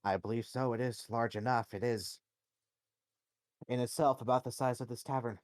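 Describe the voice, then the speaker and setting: A man running a tabletop game as game master, narrating in a relaxed, joking way. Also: mid-range voice, moderate pace, no room sound.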